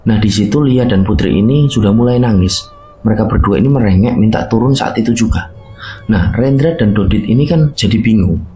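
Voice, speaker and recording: A man's voice: fairly low pitch, mellow, slight background noise. A man narrating a mountain horror story in a casual spoken storytelling manner.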